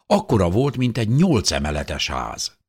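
Man narrating an audiobook in first person, deep voice, pitch moves around a lot. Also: husky. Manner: expressive, rising with tension.

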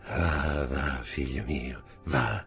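A man reading an audiobook, voicing a gentle, frail old father who speaks softly and tenderly. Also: very deep voice, steady tone, extremely slow, gravelly, faint music behind, heavily acted. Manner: soft and tender.

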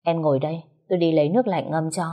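A gentle young husband who talks softly and plainly, close to the reader's own low voice, as a woman narrator plays him. A storybook reading with a warm, husky tone. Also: racing.

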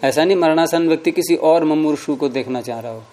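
A man teaching a grammar lesson, repeating word forms slowly and explaining rules step by step. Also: fairly high pitch, dark tone.

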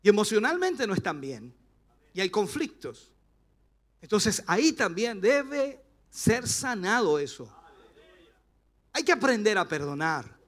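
A man's voice: sits high, big pitch swings, slow, pauses often. A man with a Chilean accent, a pastor preaching a rousing sermon at a church service, full of rhetorical questions and playful asides. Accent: Chilean Spanish.

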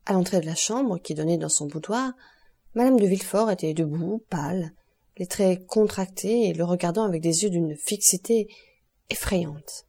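A woman narrating a classic novel as an audiobook, in a measured, expressive reading. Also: fairly low pitch, husky.

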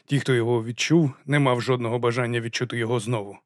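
A man narrates a novel as an audiobook, his delivery even and measured. His voice sits in a middle pitch. The recording is dry and close, with no room sound. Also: dry recording. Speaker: audiobook reader. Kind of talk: scripted narration.

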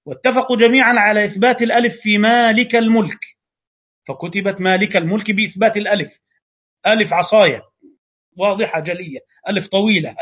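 A high-pitched, husky man with an Egyptian Arabic accent teaches fast, debating an imagined listener with quick rhetorical questions. The sound is dull and lo-fi, like an online class over a video call. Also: a bit bright. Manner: argues through imagined dialogue and rhetorical questions. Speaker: Quran recitation teacher. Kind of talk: online lecture. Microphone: video call microphone.

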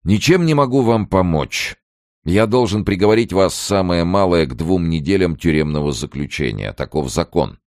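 A male reader voicing an old, stout judge, formal but humane, his lines pitched above the reader's gravelly, very deep voice. Dry and close. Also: lively intonation, normal speed, a little mellow, dry recording. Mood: regretful. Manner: regretful, formal. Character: elderly fat kindly male judge.

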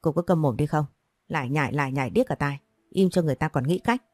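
Woman doing a violent, snarling young dad, low and dark, threats through his teeth. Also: fast talker, no echo, clean studio sound. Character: furious violent young father, man.

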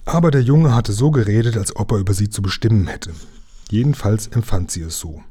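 Storybook reader, man, dark husky low voice, calm and even. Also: a little fast. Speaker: reader of a children's book. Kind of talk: reading a children's storybook aloud.

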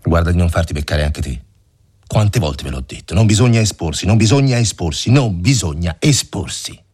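A man with a very deep voice voicing a stern infantry lieutenant who gives firm, urgent orders. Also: moderate pace, a little mellow, slightly rough, dry recording, clean studio sound. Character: stern male infantry lieutenant, protective of his men.

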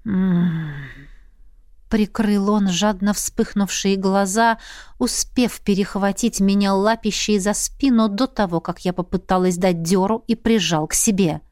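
A woman narrating an audiobook in the first person with even, expressive storytelling. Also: medium pitch, normal speed, no echo, studio quality.

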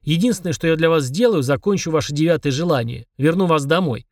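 A man's voice: on the high side, animated, quick pace, darkish tone, dry recording. A man voicing a small, spiteful, grumpy demon who grumbles and snaps sarcastically, in a dry close recording. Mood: grumbling. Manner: grumbling, sneering, snapping.

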